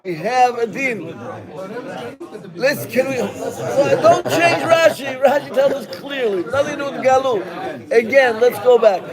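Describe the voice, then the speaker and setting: A man teaching a Talmud class, animated and joking, calling on students by name. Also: extremely high pitch, measured pace, crowd noise.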